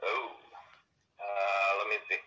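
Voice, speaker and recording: A man playing a tabletop roleplaying game over a call, his voice thin and tinny like a walkie-talkie with no bass, halting and restarting as he thinks aloud. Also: level tone, sharp tone. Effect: thin, tinny walkie-talkie-like sound with no bass. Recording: faint lo-fi mic far from the speaker.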